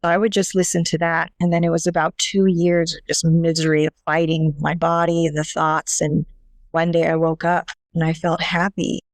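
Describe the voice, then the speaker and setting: A woman speaking as an interview guest, telling a personal story earnestly and haltingly, often restarting her sentences. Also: low-pitched, little pitch movement, dry recording.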